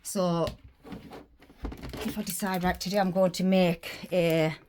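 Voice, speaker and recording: A crafting vlogger, slightly out of breath, chats her way through a tour of her small indoor craft room, rambling as she itemizes her supplies. Her voice is lowish and a little mellow, unhurried with fairly even intonation, and the recording carries a little hiss or hum.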